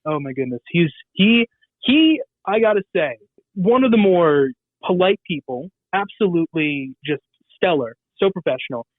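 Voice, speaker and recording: Speaking at normal speed with a high voice and lively intonation, a Southern California man rambles loosely as a guest in a casual radio interview, cracking crude jokes and using many fillers. The audio is tinny like a phone line, without echo.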